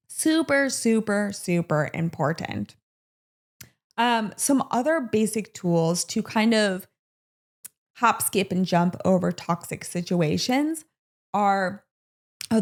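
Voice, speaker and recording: Chatty woman hosting her solo podcast. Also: mid-range voice. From American Midwest. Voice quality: chatty, animated, with playful asides. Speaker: podcast host. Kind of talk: casual solo podcast talk.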